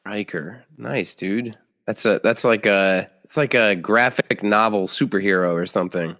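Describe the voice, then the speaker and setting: A man with a lowish voice hosts a casual interview podcast, talking in a friendly, chummy way full of restarts. His voice carries a long reverb, as if recorded in an echoey room. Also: moderate pace, a bit bright. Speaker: podcast host.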